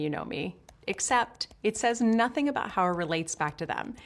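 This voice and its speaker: A woman from Switzerland narrating a sales course in an upbeat, emphatic coaching manner, speaking straight to the viewer. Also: medium pitch. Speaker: sales instructor.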